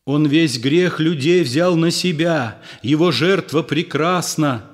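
A man's voice: a little high, normal speed, voice pushed up, natural voice. Man voicing a young disciple, raised indignant voice, zealous, reverberant room.

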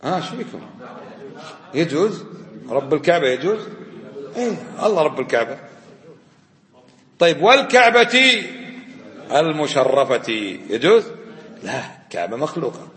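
A man's voice: medium pitch, lively intonation, normal speed, long pauses. A man teaching a religious lesson, quizzing his students and repeating his questions with a teasing edge. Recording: echoey hall with long reverb.

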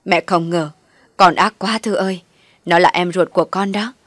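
A woman's voice: on the low side, fairly even intonation, a little fast, dry recording, close to an everyday voice. Woman doing a wailing scheming mother. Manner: loud, tearful pleading. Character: scheming middle-aged mother, wailing and defensive.

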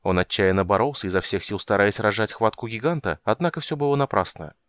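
A man reads a fantasy audiobook aloud in a low voice with a lively, swinging pitch. His storytelling is expressive, and the recording is dry and close. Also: fast talker, dry recording. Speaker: audiobook reader. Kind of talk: scripted narration.

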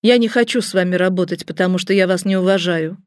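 A woman voicing a calm, firm father who quietly refuses his old boss. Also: fairly low pitch, fast talker, dry recording, clean studio sound, pitched below the performer's own voice, lightly acted. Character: calm, principled working father. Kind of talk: audiobook character voice.

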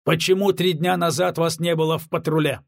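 A man's voice: a little high, steady tone, a little fast, vocal fry, dry recording, studio quality, voice pushed up. A man voicing a stern, cold officer who barks curt orders.

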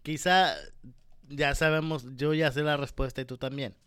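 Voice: mid-range voice, steady tone, normal speed, a bit bright, clean tone, dry recording, clean studio sound. A radio co-host in casual chat who asks questions and backs the other host up with short interjections.

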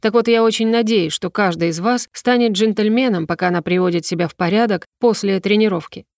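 A stern male magic instructor who barks orders in a gruff, commanding way, as a woman reading a storybook puts him on. The delivery is raised and clipped. The sound is very dry and close. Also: mid-range voice, a little fast, a little mellow, no echo, natural voice. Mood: lecturing.

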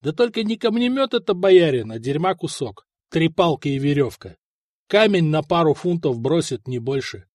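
A man voicing a weary, blunt soldier who speaks low and fatalistic, in a storybook reading. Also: very animated, normal speed, darkish tone, no echo, studio quality. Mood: gloomy. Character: weary grim male soldier, blunt and gloomy.

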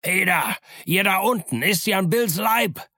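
A man's voice: mid-range voice, moderate pace, pushed and bright, no room sound, clean studio sound. A man voicing a furious blind old pirate beggar who barks orders and curses his men. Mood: furious, commanding. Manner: barking orders, cursing.

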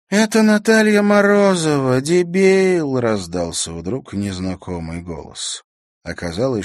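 A man narrating an audiobook with expressive storytelling. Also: sits low, no room sound, clean studio sound. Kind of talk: scripted narration.

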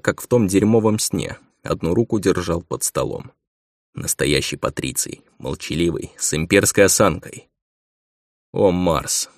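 A man reading a science fiction audiobook in a measured, subdued narration. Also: deep voice, vocal fry, darkish tone, no echo, clean studio sound. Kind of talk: scripted narration.

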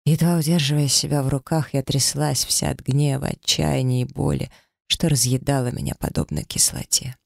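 A man's voice: medium pitch, little pitch movement, normal speed, gravelly, no echo, studio quality. A man reading a first-person story as an audiobook narrator, dramatic and emotional.

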